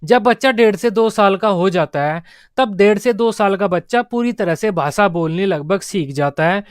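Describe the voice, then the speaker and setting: A man's voice: high-pitched, expressive, normal speed, no room sound, studio quality. A man giving an exam-prep lecture, explaining step by step and repeating the key points. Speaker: teacher.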